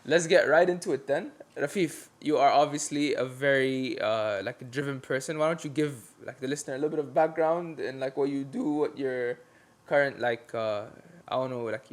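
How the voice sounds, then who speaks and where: A young man co-hosting a podcast in loose, casual chat, laughing often and using many fillers. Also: mid-range voice. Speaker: podcast co-host.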